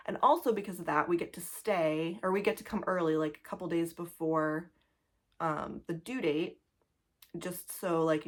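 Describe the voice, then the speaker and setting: A pregnant woman in her thirties chatting casually to camera as a cross-stitch vlogger, laughing often and a little out of breath, full of likes and ums. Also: fairly low pitch. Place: home, two-bedroom apartment.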